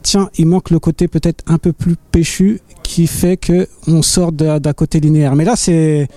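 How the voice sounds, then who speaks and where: A man hosting an interview, asking long questions in a halting way, searching for words and repeating himself. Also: fairly high pitch, little pitch movement, mellow, no room sound. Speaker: interviewer, host.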